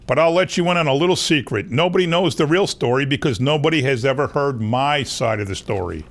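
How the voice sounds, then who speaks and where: A man's voice: medium pitch, a little fast, close to an everyday voice. A man reading a children's picture book aloud as a wolf who insists he was wronged, in a folksy, confiding way. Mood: confiding, defensive. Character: wronged, self-excusing male wolf telling his story. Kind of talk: children's storybook narration.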